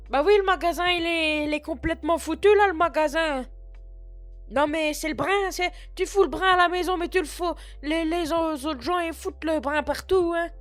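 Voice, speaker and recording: A man putting on a high-voiced old patois granny. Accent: put-on Picard and Norman patois mix. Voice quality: sniffly, rambling, swears a lot. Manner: chatty, flustered, self-mocking asides to chat. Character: 60-year-old foul-mouthed female shop clerk, scatterbrained. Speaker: streamer doing roleplay. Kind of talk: live-streamed game roleplay. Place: at home at a computer.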